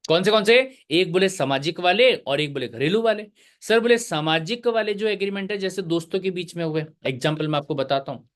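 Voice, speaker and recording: A man's voice: sits high, expressive, fairly quick. A male teacher giving a live online lecture, chatty and joking, mixing English terms into his talk.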